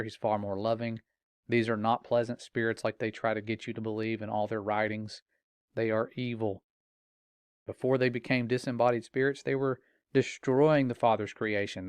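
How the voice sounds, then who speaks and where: A man's voice: mid-range voice, smooth, dry recording. A man earnestly warning other parents in a preaching, urgent tone. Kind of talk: earnest spoken warning to viewers.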